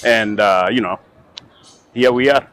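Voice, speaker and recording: Older Kenyan-born scientist, unhurried storyteller, filmed outdoors. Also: male voice, on the low side, a bit bright. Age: 60s. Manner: measured, reflective storytelling with frequent fillers. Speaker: interview guest, scientist. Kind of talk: relaxed conversational interview. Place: outdoors on a lawn in front of a building.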